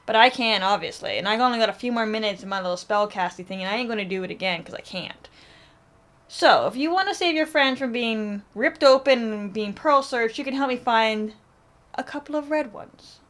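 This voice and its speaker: A woman's voice: on the high side, a little fast, a bit bright. A woman playing her character in a tabletop role-playing game, teasing and joking. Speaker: player.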